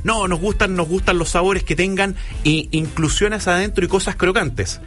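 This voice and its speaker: A man, an ice cream maker as a guest, speaking enthusiastically and warmly about the product. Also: high-pitched, fairly even intonation, normal speed, faint music behind. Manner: enthusiastic, effusive.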